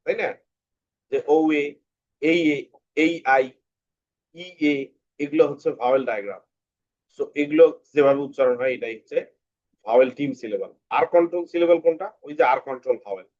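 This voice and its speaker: A man's voice: medium pitch, darkish tone, dull audio. A man teaching English to a class, patiently repeating points and calling on students by name.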